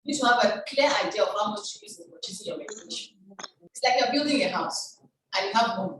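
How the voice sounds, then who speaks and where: An older woman giving a formal, measured presentation as a guest speaker, heard over a conference call. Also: medium pitch, fairly bright tone. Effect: conference call audio. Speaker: guest speaker, chief pharmacist. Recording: echoey, distant online conference call with background noise.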